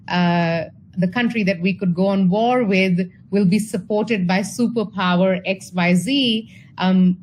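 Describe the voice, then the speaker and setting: A woman's voice: mid-range voice, darkish tone, slight background noise, rough recording. A woman from India giving an online presentation over a video call, chatty and full of fillers and restarts. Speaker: speaker at an online talk.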